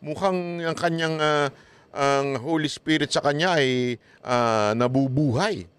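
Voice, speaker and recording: Mocking high-voiced male commentator. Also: slow pace, fairly bright tone, smooth, no echo. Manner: mocking, laughs often, asks viewers rhetorical questions. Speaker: political commentator. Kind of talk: casual political commentary.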